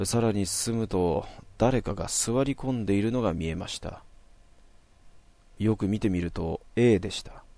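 A man narrating a horror story from his own past in a measured, suspenseful way. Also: lowish voice, mellow.

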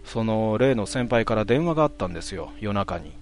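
A man telling a ghost story in a hushed voice, with drawn-out words and dramatic pauses. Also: lowish voice, animated.

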